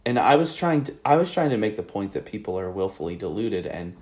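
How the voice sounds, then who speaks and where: Very animated and brisk, a man with a low-side, darkish voice hosts a casual podcast, repeatedly restarting and using many fillers. He comes from northern Ohio, USA, and speaks with a General American accent.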